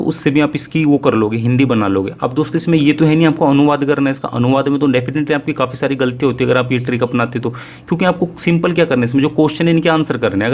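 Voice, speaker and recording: A man teaching an exam-prep lesson in a casual, friendly way, checking in often and slowing down to read passages aloud. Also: medium pitch, a little mellow. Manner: friendly, repeats "ठीक है" often, slows to read Sanskrit aloud.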